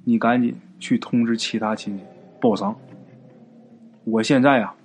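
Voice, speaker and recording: A man's voice: medium pitch, steady tone, normal speed, a little mellow, soft background music, natural voice. A grown rural father reels from bad news, his speech coming in urgent, emotional bursts, as a man narrating a folk tale acts him out. He is steadier when giving orders but still heavy with grief. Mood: somber, urgent.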